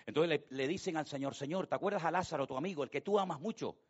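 A man preaching a sermon, telling the story with hushed and loud turns. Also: fairly high pitch, fast, breathy edge. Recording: dull lo-fi sound.

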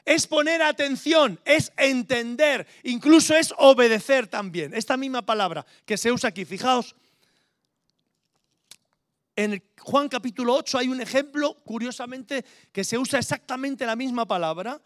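A middle-aged preacher, his voice sitting high for a man. He preaches in a chatty, anecdotal way and slips into little acted dialogues. The recording is close and dry, with no room sound. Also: animated, normal speed, no echo. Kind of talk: sermon.

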